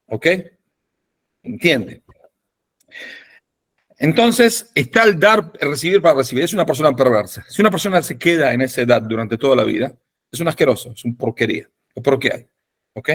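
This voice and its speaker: A man lectures to an online class over a video call. His voice sits somewhat high and swings widely in pitch as he teaches. He jokes and keeps checking in with his listeners. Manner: animated, asks "ok?" to check understanding. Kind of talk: informal lecture with humor. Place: home or office in Jerusalem.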